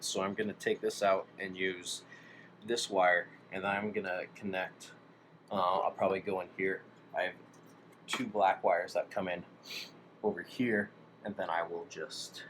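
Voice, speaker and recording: A man with a low-pitched, fairly bright voice demonstrates turning a radio into an amplifier at his indoor bench, musing hesitantly in broken phrases. Plenty of room noise comes through on the recording.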